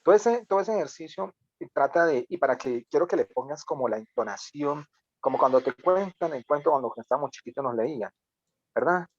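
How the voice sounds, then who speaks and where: A man's voice: fairly high pitch, expressive, brisk, dull audio. Man coaching a radio class. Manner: coaching, loose and talkative, acts out lines. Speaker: radio workshop teacher. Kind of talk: online class feedback.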